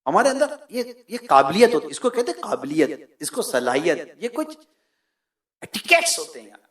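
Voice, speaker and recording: A man delivers a sermon with an animated, emphatic manner, often swelling to loud peaks. His voice sits fairly high for a man. The sound carries a noticeable room echo. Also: moderate pace. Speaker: preacher.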